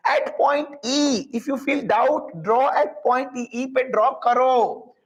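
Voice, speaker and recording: In a low-quality recording, a man with an Indian accent and a very high-pitched voice speaks slowly while teaching a live physics class. He explains step by step, repeats phrases, and quizzes students, mixing in Hindi tags.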